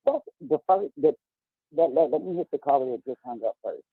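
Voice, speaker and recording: Male caller, muffled earpiece voice, gravelly and husky, lively pitch. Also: no room sound. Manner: quick, impassioned, speaking quietly. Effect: muffled voice through a Bluetooth earpiece. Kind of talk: call-in comment on a live show. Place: work break room. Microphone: Bluetooth earpiece on a phone call. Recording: muffled phone line.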